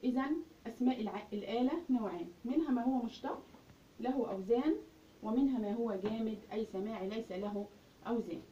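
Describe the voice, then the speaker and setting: A woman's voice: on the high side, quick pace, dark tone. A woman with an Egyptian Arabic accent teaching a grammar lesson, asking questions and then answering them herself. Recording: roomy, distant, muffled recording with faint hiss.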